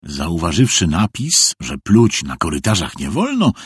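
A man reads an audiobook aloud in an expressive storytelling manner, his husky voice ranging widely up and down. The recording is dry and close. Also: deep voice, unhurried, no room sound. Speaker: audiobook narrator. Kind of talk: audiobook narration.

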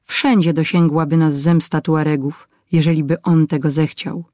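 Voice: medium pitch, little pitch movement, moderate pace, a little mellow, no echo, studio quality, lightly acted. A narrator voicing an alarmed young Berber man in an audiobook, speaking urgently. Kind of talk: audiobook reading.

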